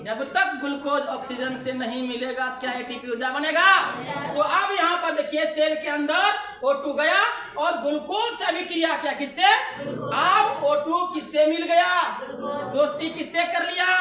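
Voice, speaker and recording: A woman's voice: sits high, reverberant. A woman science teacher, giving an online class in a playful call-and-response way and laughing often.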